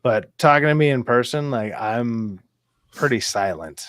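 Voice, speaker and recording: A man chats casually on a stream in a raspy smoker's voice. His S sounds come out slushy and slurred, and he stumbles and repeats himself as he rambles, cursing along the way. The sound is close and dry. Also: medium pitch, lively intonation, measured pace, fairly bright tone, dry recording. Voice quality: smoker's rasp. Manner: rambling, stammering, repeats words, swears freely. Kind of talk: casual group stream chat.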